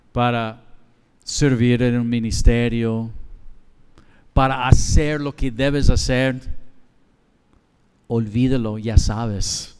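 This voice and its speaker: A man's voice: medium pitch, darkish tone, clean tone. A middle-aged man with a Mexican accent, preaching a sermon as pastor in a conversational way, mixing in quoted dialogue. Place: large church hall. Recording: church hall with long reverb.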